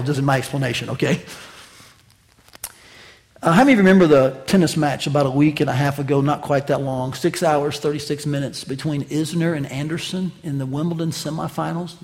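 A pastor preaching a conversational sermon to his congregation, swinging between loud, raised lines and quiet, slow asides, and joking with the listeners. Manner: conversational preaching with wide swings of pitch and loudness; jokes with the congregation.

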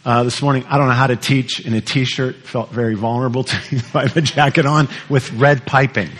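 A man's voice: medium pitch, fairly even intonation, a little fast, a bit bright. A male pastor preaching a sermon in a conversational way, asking the congregation questions.

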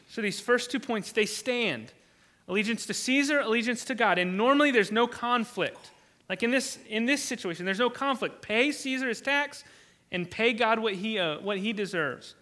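Bright, high-voiced man preaching. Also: expressive, normal speed. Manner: earnest, emphatic preaching with repetitions and restarts. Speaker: pastor. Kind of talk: sermon.

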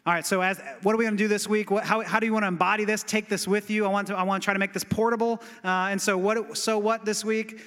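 A male pastor giving an animated, conversational sermon in a church that builds to exclamations. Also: high-pitched, fast, few pauses. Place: church sanctuary. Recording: long reverb of a church hall.

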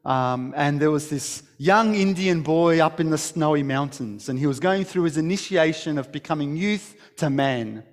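A man's voice: on the high side, expressive, normal speed, few pauses, long reverb tail. A man preaching a sermon, telling a story with emphasis and many restarts. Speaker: pastor.

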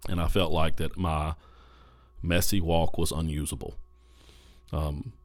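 A man, a pastor hosting a podcast, telling a personal story in a candid, animated way and repeating phrases for emphasis. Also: a bass voice, a little slow, no room sound. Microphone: podcast microphone.

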